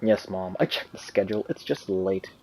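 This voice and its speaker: A man reading game dialogue aloud as a tired young woman calling her mother, speaking low and subdued. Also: normal speed, dark tone.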